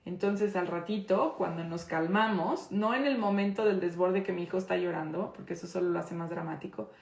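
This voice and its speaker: A woman in her thirties with a Mexican accent, teaching an informal online class in a conversational way and slowing down to stress her points. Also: on the low side, creaky, a little mellow. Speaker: course instructor. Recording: roomy echo.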